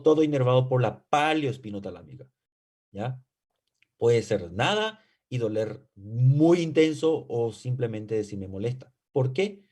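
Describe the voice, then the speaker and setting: A man's voice: mid-range voice, warm tone. Man lecturing, checks understanding constantly. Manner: asks himself rhetorical questions and checks understanding with "¿ya?"; briefly acts out patient and doctor dialogue. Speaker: medical physiology lecturer. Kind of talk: classroom lecture.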